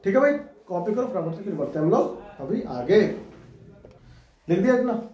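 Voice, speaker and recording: A man teaching chemistry dictates notes, repeatedly asking students whether they've understood and written it down. His voice sits high with big pitch swings, a moderate pace and a slightly mellow tone. The sound is dull, distant and echoey.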